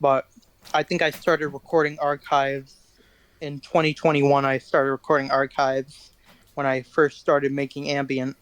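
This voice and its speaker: A man's voice: medium pitch, flat delivery, a little slow, a bit bright, clear, resonant tone. A teenage boy, guest musician in an interview, telling rambling self-deprecating stories in casual chat. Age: teens.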